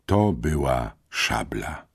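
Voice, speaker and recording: Deep, husky man narrating an audiobook. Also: very slow. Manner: expressive storytelling.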